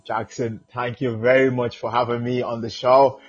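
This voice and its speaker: A man's voice: medium pitch, moderate pace, husky, soft background music. Young man from Zimbabwe on muffled audio. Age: 20s. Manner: relaxed, with frequent fillers. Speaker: guest. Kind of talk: casual interview answers.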